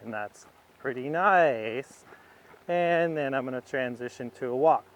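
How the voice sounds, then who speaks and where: A riding instructor gives instructional commentary while demonstrating, thinking aloud in short, unhurried phrases. His voice is mid-range, and the highs are cut off.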